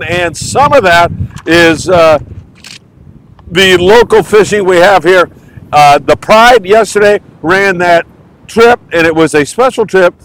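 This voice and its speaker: A man's voice: on the high side, fairly bright tone, low-quality recording. An American man with an upbeat, folksy, exclamatory manner, giving a casual fishing report to camera as host from a windy beach outdoors. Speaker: host of a fishing news vlog.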